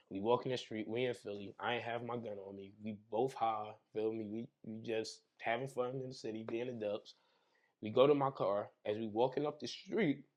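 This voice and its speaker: A young man, a podcast guest, talking casually over drinks and telling vivid stories full of slang and sound effects. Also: mid-range voice. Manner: animated storyteller, heavy slang, acts out scenes with sound effects.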